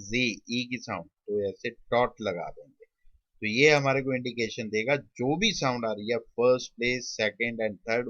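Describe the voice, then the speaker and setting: A male shorthand tutor stretches out each sound as he teaches, slipping English terms into his lesson. His voice is bright and forceful. The recording is dry and a little dull. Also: mid-range voice, dry recording. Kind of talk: classroom lesson.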